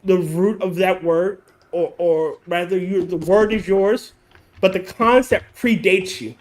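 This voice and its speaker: His voice sits high with fairly even intonation, and he takes his time. The man hosts a relaxed podcast conversation, speaking bluntly, cursing without hesitation, and explaining himself in lengthy runs.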